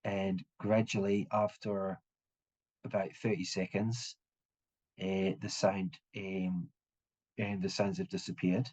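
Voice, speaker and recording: Husky, halting game master. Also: male voice, sits low, level tone, a little mellow. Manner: halting, full of fillers and restarts. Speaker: dungeon master. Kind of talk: narrating a tabletop game. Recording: dull, muffled audio.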